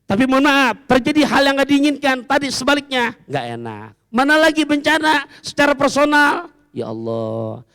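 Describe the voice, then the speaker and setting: A man's voice: very high voice, expressive, normal speed, bright, forceful tone. A man preaching a humorous sermon to a women's study group, joking and reciting playful rhymes. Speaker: Islamic preacher. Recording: long hall reverb.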